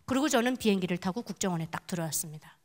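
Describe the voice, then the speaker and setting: At a prayer meeting, a young woman from North Korea delivers a testimony sermon, telling her story vividly and dramatically and speaking straight to the audience. Her voice is medium-pitched, expressive and a little mellow, and she talks very fast.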